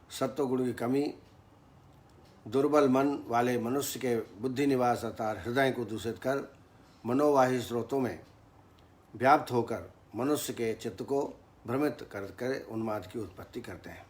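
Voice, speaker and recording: A man's voice: medium pitch, steady tone, darkish tone. Man giving a formal Ayurveda lecture. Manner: measured, formal teaching tone with chanted Sanskrit recitation. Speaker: Ayurveda teacher. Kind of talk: lecture reciting Sanskrit verses.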